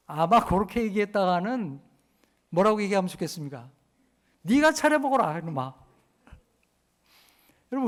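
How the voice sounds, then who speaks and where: A man preaching a church sermon in a high voice. He speaks earnestly and acts out the grumbling lines he quotes. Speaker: pastor.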